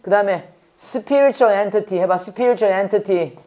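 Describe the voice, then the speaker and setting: A woman with a Korean accent teaching English at a church school, drilling phrases call-and-response and explaining quickly in Korean. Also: mid-range voice, dark tone. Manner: drills words by repetition, prompting the class to repeat; switches fast between slow English and rapid Korean explanation.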